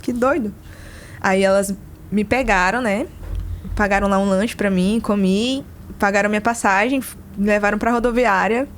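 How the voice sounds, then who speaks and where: A woman's voice: medium pitch, normal speed, slight background noise. A woman, a podcast guest telling a personal story in casual conversation and acting out the dialogue. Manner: animated, acts out dialogue in her stories.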